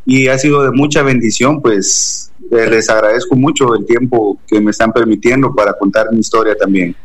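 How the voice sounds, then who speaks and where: A young man from Guatemala with a Guatemalan Spanish accent, telling his personal story earnestly and haltingly, with frequent restarts. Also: mid-range voice, steady tone, low-quality recording. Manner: earnest, hesitant, many restarts and fillers like "pues". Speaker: interview guest. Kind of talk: personal testimony.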